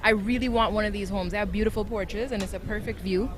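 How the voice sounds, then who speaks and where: A woman's voice: mid-range voice, steady tone, quick pace. A woman commentating live on a rugby match at an outdoor ground, explaining the play in an upbeat way.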